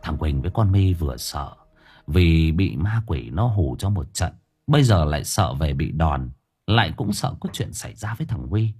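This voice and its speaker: A man narrating a story in a lively, expressive way. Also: very deep voice, moderate pace, husky. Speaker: audiobook narrator.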